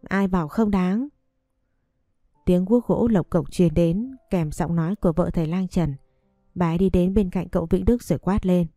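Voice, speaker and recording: Calm woman narrating a story. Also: fairly low pitch, moderate pace, dry recording, clean studio sound, soft background music. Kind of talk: first-person storybook narration.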